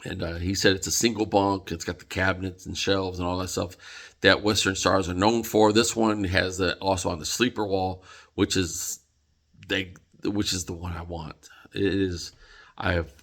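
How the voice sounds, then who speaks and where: In a casual vlog about a truck, a tired man rambles and yawns, full of fillers and restarts. His voice sits low and has a slightly bright edge.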